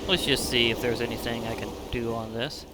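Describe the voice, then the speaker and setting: A man's voice: mid-range voice, steady tone, brisk, noisy background. A man giving casual, chatty commentary while playing a digital card game, thinking aloud and laughing often. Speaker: gaming channel host.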